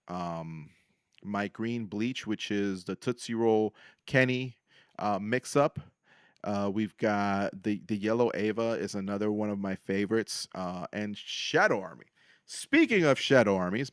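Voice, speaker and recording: A podcast host with a fairly low-pitched voice talks solo, casually recapping his card game hobby, including decks and matches. The sound is clean studio audio with no echo.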